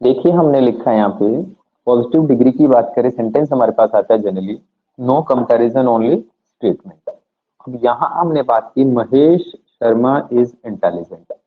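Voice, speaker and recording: A man's voice: medium pitch, normal speed. A man teaching an English grammar lesson to a class. He asks questions and answers them himself, and spells words out letter by letter. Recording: tinny phone-like audio.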